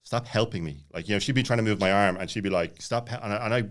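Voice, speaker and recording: This man, in his late thirties and appearing as a podcast guest, is a fast talker with a lowish voice. His casual personal anecdote rambles and leaps about, peppered with fillers.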